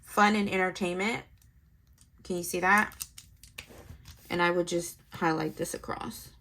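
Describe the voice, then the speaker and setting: A woman's voice: fairly low pitch, fairly even intonation, measured pace, sharp tone, slight background noise. A young woman chatting casually as she fills out her budget planner, thinking aloud and muttering numbers to herself. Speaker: planner vlogger. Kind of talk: casual narrated planner setup.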